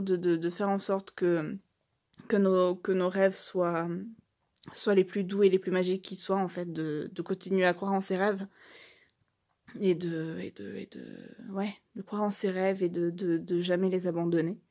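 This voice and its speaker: A woman doing a casual unboxing commentary, gushing over small items, with many fillers and restarts, reading English phrases slowly and stumbling. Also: on the low side, fairly even intonation, darkish tone. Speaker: YouTuber unboxing a tarot deck.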